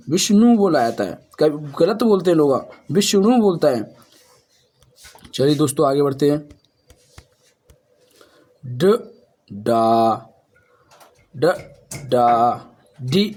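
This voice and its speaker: A man teaches the Hindi alphabet at an unhurried pace, sounding out each syllable with care. His voice sits a little high for a man. He repeats himself often and speaks to his viewers as friends. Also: darkish tone. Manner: slow syllable-by-syllable recitation.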